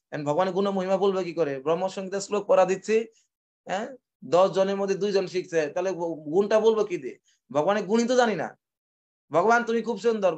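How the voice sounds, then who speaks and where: A man with a high voice preaching a devotional sermon. He poses questions and answers them himself, and he slows down to chant and recite verses. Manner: asks and answers his own questions.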